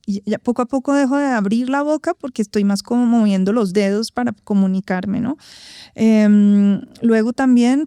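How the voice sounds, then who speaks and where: A woman's voice: on the high side, mellow, clean tone, dry recording, clean studio sound. A woman with a Colombian accent, an anthropologist and voice coach, answering reflectively in an interview, thinking aloud with tag questions.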